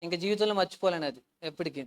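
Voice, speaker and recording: A woman preaches a sermon built on personal stories, earnest and emotional, often questioning her listeners and swinging from soft to loud. Her pitch is fairly low and she races along.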